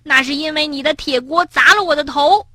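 A woman voicing a clumsy, stubborn young male frog in a storybook reading, soft and mumbling. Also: medium pitch, normal speed, no room sound, clean studio sound. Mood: defensive.

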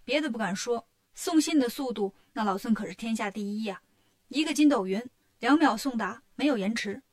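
A woman's voice: on the high side, expressive, brisk, a little mellow. A woman voicing a boastful, cheeky male monkey king who talks brashly and teases. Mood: cocky. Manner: brash, bragging and teasing.

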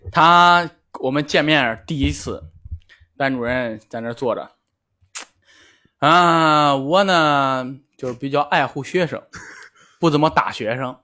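Male co-host, slightly high, easygoing anecdote teller. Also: takes it slowly, long pauses, bright, forceful tone. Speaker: podcast co-host. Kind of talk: casual chat, storytelling.

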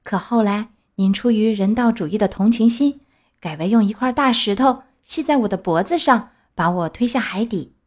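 A woman voicing a cheeky, chatty wooden puppet boy in a raised, bright voice. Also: medium pitch, normal speed, lightly acted.

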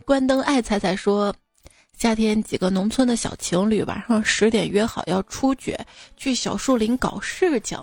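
Reading listener jokes in a radio-style show, a young woman keeps things teasing and chatty and laughs at her punchlines. She speaks at a moderate pace in a somewhat high, slightly mellow voice. There is no echo on the recording.

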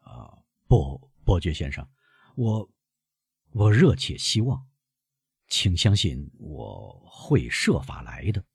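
A man's voice: sits low, big pitch swings, darkish tone, breathy edge, no echo, studio quality, heavily acted. A man playing a stammering prosecutor. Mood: strained. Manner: halting, stammering. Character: shaken, stammering middle-aged prosecutor.

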